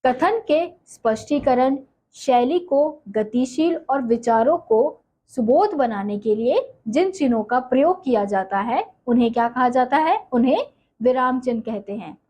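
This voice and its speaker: A woman teaching a Hindi grammar class, explaining slowly, repeating points and asking the pupils questions that she then answers herself. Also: high voice, lively intonation, dark tone, poor audio. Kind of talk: online class lesson.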